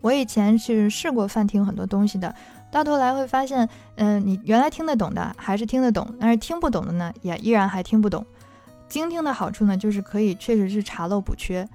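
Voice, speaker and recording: Mellow-voiced woman language teacher. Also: mid-range voice, expressive, a little fast, soft background music. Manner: patient, explains with worked examples. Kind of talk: explanatory teaching talk.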